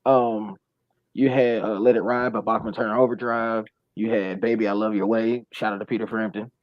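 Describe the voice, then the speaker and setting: A man co-hosting a casual podcast, talking loosely and profanely with animated storytelling. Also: fairly low pitch, moderate pace, no room sound. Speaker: podcast co-host. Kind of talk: casual chat. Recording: dull lo-fi sound.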